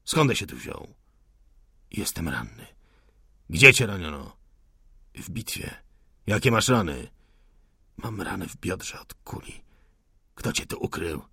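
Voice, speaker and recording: A man's voice: low-pitched, very animated, moderate pace, creaky, hardly any pauses, a bit bright, slightly rough, dry recording, studio quality, heavily acted. A man reading the lines of a harsh male cavalry officer who gives curt, barked questions and orders. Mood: interrogating. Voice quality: curt, barking. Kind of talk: audiobook dialogue reading.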